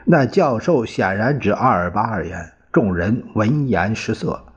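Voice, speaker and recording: A man reading a novel aloud as storyteller, steady and unhurried, on a dull lo-fi recording. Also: fairly low pitch, husky. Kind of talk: novel reading with voiced characters.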